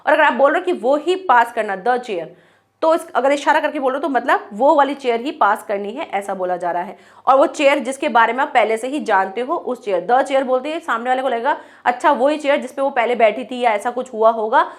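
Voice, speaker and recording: A woman teaching an English grammar lesson, explaining step by step and sounding out words slowly. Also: high voice, lively intonation.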